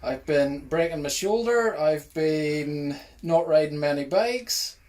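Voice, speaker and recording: A Northern Irish man guesting on a podcast, trading dry, self-deprecating jokes. His voice runs a little high for a man, and his delivery is relaxed and conversational. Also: slow. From Northern Ireland. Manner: dry, self-mocking humour. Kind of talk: casual chat.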